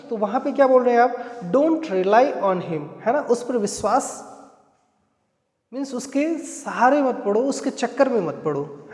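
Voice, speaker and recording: A man's voice: high-pitched, darkish tone. A man with an Indian accent teaching spoken English, explaining each phrase and repeating it with frequent tag questions. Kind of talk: spoken English lesson in Hindi. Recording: echoey room with long reverb.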